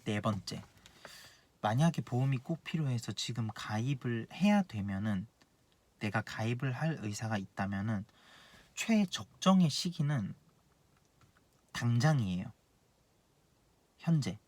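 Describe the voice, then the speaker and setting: A man's voice: mid-range voice, lively intonation, a little slow, pauses often, a little mellow, no echo. A man in his late twenties, an insurance planner, giving blunt, earnest advice in a casual monologue and repeating his key points. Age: 20s.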